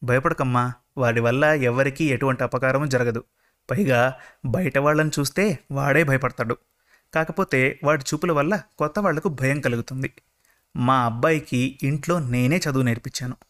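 A man voicing a kind, patient middle-aged mother in a told story, speaking gently and reassuringly. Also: medium pitch, moderate pace, lightly acted.

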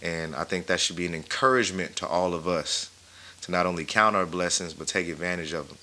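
Deep, bright-toned podcast man. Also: brisk. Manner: supportive, affirming, preachy at length. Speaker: podcast co-host. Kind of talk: casual chat.

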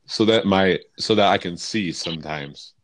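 A man's voice: low-pitched, moderate pace, a little hiss or hum. A man hosting a casual podcast with friends, laid-back and laughing often, with lots of ums. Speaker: podcast host.

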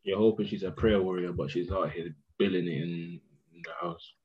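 A man's voice: low voice, normal speed, breathy edge, lo-fi sound. A young man with a London roadman accent, telling things emphatically in casual, slangy banter.

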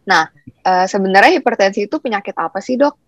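A woman's voice: medium pitch, expressive, fairly quick, dry recording, dull audio. A young woman co-hosting a student podcast, chatty and enthusiastic as she introduces the guest and topic. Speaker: podcast co-host.

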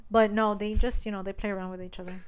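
A woman co-hosts a casual book podcast. She talks in an animated way at a medium pitch, laughing often and slipping into the characters' lines as she retells the story. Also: fast talker, over a noisy crowd. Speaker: podcast co-host.

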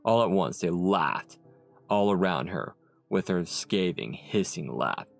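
Male audiobook narrator, low gravelly voice, music bed. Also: animated, slow. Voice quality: gravelly, very deep. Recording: narration over soft music.

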